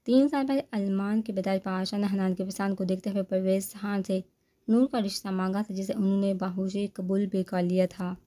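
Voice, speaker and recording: A woman narrating a romantic novel aloud with a steady, even reading voice. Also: medium pitch.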